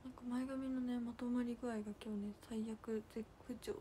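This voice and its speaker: A young woman with a hosting a casual livestream. She chats and giggles, reads out fan comments, and drops to soft near-whispers to thank viewers. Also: a little high, level tone, fairly quick, a little hiss or hum. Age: young adult. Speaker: idol livestream host.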